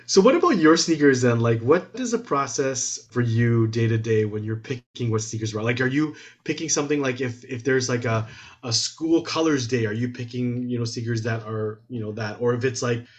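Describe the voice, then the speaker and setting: A man's voice: medium pitch, normal speed. A man from Canada chatting casually as an interviewer, asking rambling, slangy questions. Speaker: interviewer, host.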